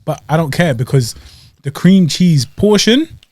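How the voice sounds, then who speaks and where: Higher-voiced London man, slangy and playful. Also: expressive, unhurried, darkish tone, no room sound, clean studio sound. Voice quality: weakly pronounced R sounds. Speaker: podcast co-host. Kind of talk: casual banter and food review. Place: podcast studio.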